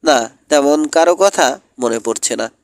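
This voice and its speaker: A man's voice: a little high, a little slow, no echo, close to an everyday voice. A man voicing an eccentric older woman who dotes on her birds and pearls, talking in a fussy sing-song way. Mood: dismissive.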